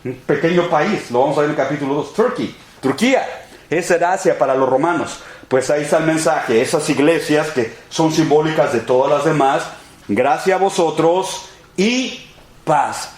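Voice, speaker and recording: Pastor guy teaching bible class, kinda high voice, echoey church room. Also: fairly quick. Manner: emphatic, repetitive, addresses listeners as brothers and friends. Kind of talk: sermon-style Bible teaching. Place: church sanctuary used as a classroom.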